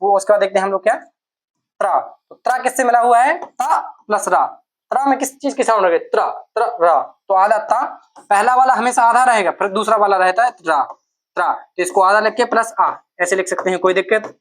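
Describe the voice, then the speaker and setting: Man teaching, dictating notes slowly. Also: sits high, a bit bright. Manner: dictates slowly, repeating words for students to note down; asks questions and answers them himself. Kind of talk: classroom lecture.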